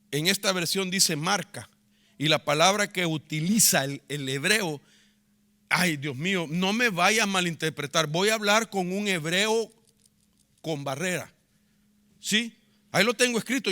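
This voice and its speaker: Bright-voiced pastor preaching with sharp emphasis. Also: male voice, high voice. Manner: emphatic, rising and dropping sharply for effect; asks the congregation to repeat words. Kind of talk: sermon.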